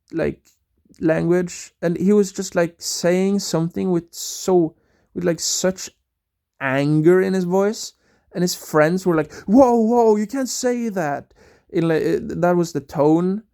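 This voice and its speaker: A man's voice: fairly high pitch, mellow, clean tone. A young man telling a rambling, casual story, hesitant and full of fillers and restarts. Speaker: vlogger.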